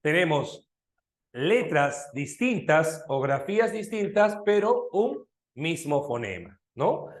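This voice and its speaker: Male teacher, high lively voice, keeps quizzing students; echoey room. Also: slow pace. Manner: lively, questioning students often, animated. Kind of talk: online exam-prep language class.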